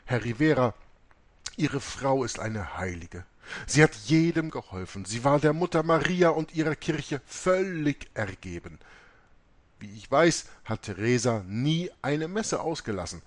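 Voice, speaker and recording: A man's voice: medium pitch, big pitch swings, measured pace, pitched above the performer's own voice. A man reading aloud voices a neighbor who earnestly consoles a grieving husband. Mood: consoling.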